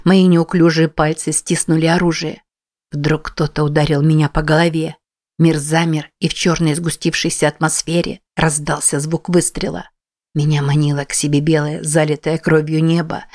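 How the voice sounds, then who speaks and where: A woman narrating a tense first-person audiobook. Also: low-pitched.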